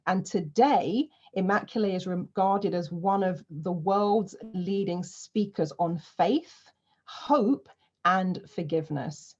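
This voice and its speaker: A woman host reading a measured introduction of a guest speaker. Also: fairly low pitch, darkish tone. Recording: dull lo-fi sound.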